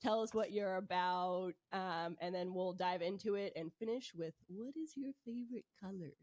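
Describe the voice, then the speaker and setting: A woman's voice: on the low side, normal speed, darkish tone, no room sound. A woman hosting an interview podcast, bubbly and enthusiastic, with a stuffy nose from a head cold. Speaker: podcast host.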